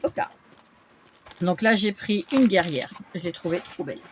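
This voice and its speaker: A woman's voice: fairly low pitch, lively intonation, moderate pace, background noise. A woman chatting casually through a shopping haul video at home, with lots of fillers and little interjections. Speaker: vlogger showing a shopping haul.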